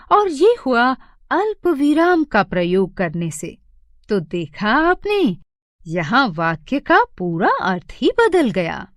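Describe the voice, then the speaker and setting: A woman narrating an animated grammar lesson for children as a teacher, speaking expressively and stressing each example sentence. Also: medium pitch, no room sound, clean studio sound.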